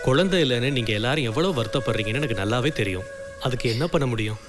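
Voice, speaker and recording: Man doing a torn young husband, middle pitch, film music under him. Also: lively intonation, rapid-fire, natural voice. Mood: tender. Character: young married man, torn between father and wife.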